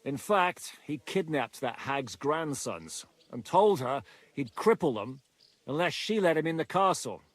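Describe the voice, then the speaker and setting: Casting: emphatic medieval comrade in a game, blunt temper, lively intonation, dry studio sound. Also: male voice, on the high side, measured pace, no room sound. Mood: grim, knowing. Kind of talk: video game dialogue acting.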